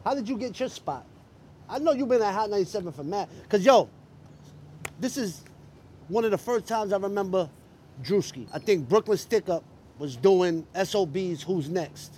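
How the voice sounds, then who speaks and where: Male podcast host, high voice, faint background noise, profane joking storyteller. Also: expressive, moderate pace, mellow. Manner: profane, joking storyteller who laughs often. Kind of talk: casual chat.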